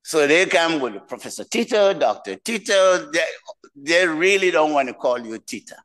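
An older man, who grew up outside the United States, gives a keynote speech from a podium in a lecture hall, telling a personal story slowly with pauses. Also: a little high, big pitch swings, fairly bright tone. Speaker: keynote speaker.

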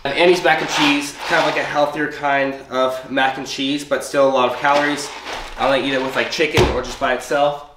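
A young man who sounds congested and sick chats upbeat through a grocery haul for a casual vlog, explaining each item in turn. His mid-range voice keeps a level tone and moves a little fast. The home recording is roomy, distant, and noisy.

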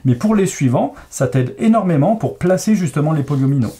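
His voice sits on the high side, expressive, a little fast, and dark in tone. A game designer, he patiently explains a logic puzzle in a casual board-game chat, often using fillers.

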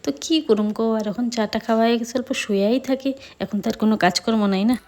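A middle-aged woman chatting casually to her viewers in a home vlog, talking in a relaxed colloquial way and recorded on a phone camera. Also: fairly high pitch, fast talker. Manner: chatty, talks straight to viewers in colloquial dialect. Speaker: vlogger.

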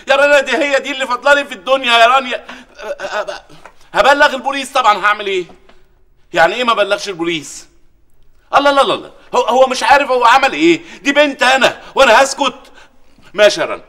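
A man's voice: extremely high pitch, animated, racing, bright, forceful tone, exaggerated voice. A frantic, hot-tempered Egyptian father. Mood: worried. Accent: Egyptian Arabic. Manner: exasperated, scolding. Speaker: sitcom character. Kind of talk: sitcom acting.

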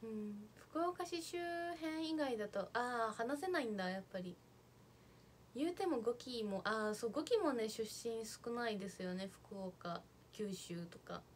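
A woman's voice: a little high, lively intonation, unhurried, a little hiss or hum. A young woman chatting casually on a livestream, reading out viewer comments and thanking them as she goes. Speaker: idol livestreamer.

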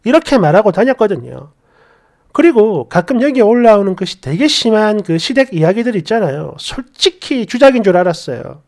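A woman's voice: mid-range voice, very animated, a little fast, darkish tone. A woman narrating a first-person story in a confiding, exasperated, chatty way.

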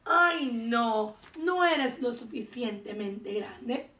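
A woman voicing a grumpy, bossy little female ladybug who shouts her lines. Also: animated, very slow, full character voice. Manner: shouting, loud and shrill. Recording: echoey room, voice from far off.

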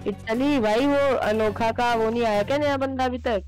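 High high voice guy on game chat, taunting the new kid, music low behind. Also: moderate pace. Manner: threatening, mocking tone toward newcomers. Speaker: rival gang player on a game server. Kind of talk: casual gaming voice chat.

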